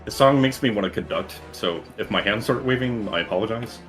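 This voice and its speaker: A man with a fairly low, bright and forceful voice narrates a tabletop game as game master. He describes the scene in halting, descriptive phrases, with music behind him. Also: animated.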